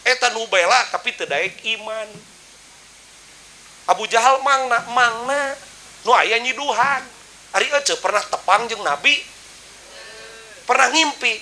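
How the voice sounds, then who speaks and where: A man's voice: extremely high pitch, animated, a little slow, pauses often, bright, forceful tone, slight background noise, rough recording. A man with a Sundanese accent preaching a humorous sermon, joking with the audience and breaking into sung praise. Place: outdoor religious gathering.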